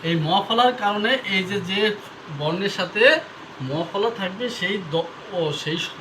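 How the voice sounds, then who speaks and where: A man's voice: high voice, bright, forceful tone, a little hiss or hum, rough recording. A man teaching a pronunciation lesson, spelling words out letter by letter and answering his own questions step by step. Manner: asks the viewer questions then answers them. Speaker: Bengali grammar teacher.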